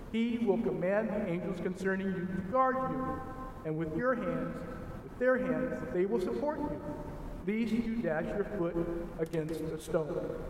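A clergyman reading the Gospel at Mass in a measured, solemn way, his voice ringing with cathedral echo. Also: high-pitched, slight background noise. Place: large church. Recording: cavernous church with long reverb.

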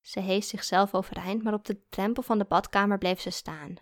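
A woman narrating fiction in a calm, steady audiobook reading. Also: mid-range voice, moderate pace.

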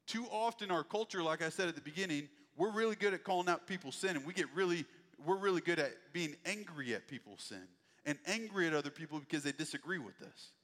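Man, pastor, casual folksy sermon, slightly high voice, long hall echo. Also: fast, few pauses, fairly bright tone. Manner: conversational, folksy asides.

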